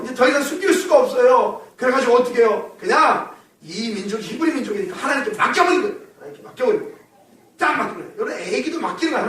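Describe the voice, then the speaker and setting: A male pastor preaching a sermon in a church, often asking the congregation questions and answering them himself. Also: sits high. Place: church sanctuary. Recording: echoey hall, mic far off.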